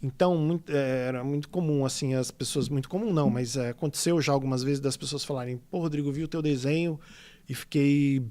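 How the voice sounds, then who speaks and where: A São Paulo illustrator, guesting on a relaxed podcast, rambles through lively anecdotes full of filler words. His pitch is medium, his pace a little fast, and his accent is that of São Paulo state, Brazil.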